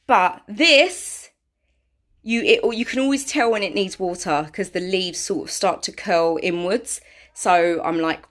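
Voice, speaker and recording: A woman chats her way through a casual vlog at home. She rambles warmly between fillers and pokes fun at herself, speaking at a middle pitch. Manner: chatty, self-deprecating, many fillers. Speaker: vlogger. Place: home, indoors.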